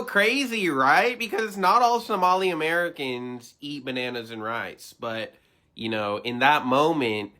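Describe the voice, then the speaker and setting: Bright-voiced deadpan man joking. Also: mid-range voice. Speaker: comedy sketch creator. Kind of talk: deadpan parody monologue.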